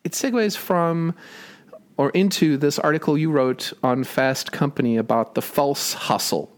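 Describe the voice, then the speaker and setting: A man's voice: fairly high pitch, unhurried. Conversational male podcast host. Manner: conversational, loose questions with fillers. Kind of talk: interview.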